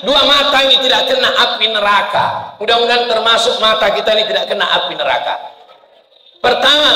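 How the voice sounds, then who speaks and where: A man's voice: very high-pitched, sharp tone. A man preaching a humorous mosque sermon, breaking into chanted prayers. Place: mosque hall. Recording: echoey hall reverb.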